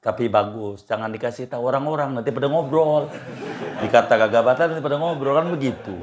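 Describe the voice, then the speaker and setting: A man's voice: medium pitch, fast. Guy teaching religion, laid back, chatty, keeps repeating himself. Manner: easygoing, colloquial, repeats phrases, chuckles. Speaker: Islamic cleric answering questions. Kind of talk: religious study talk, informal Q&A.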